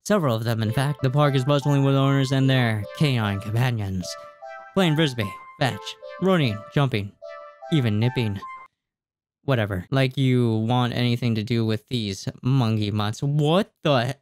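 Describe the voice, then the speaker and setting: A male streamer in his twenties, mid-range in voice and normal in speed, does a let's play where he reads game text and reacts loosely, occasionally tripping over a word. He records at a small-room gaming station on a nearby desk mic, wearing a headset, with game music underneath.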